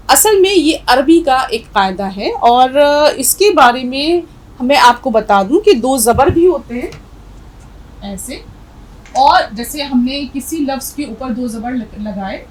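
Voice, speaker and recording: A middle-aged woman teacher speaks slowly and patiently, drilling sounds one by one. Her voice sits fairly high and has a husky edge. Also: low-quality recording. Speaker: Urdu teacher. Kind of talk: video language lesson.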